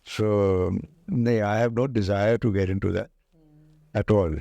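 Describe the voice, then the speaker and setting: An older man speaks with a posh, educated Indian accent in a relaxed, mellow tone. He answers like an interview guest, deliberate and emphatic, often repeating a phrase to drive it home. The sound is very dry, with hardly any room in it. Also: lowish voice, vocal fry, no echo, lo-fi sound. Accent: educated upper-class Indian.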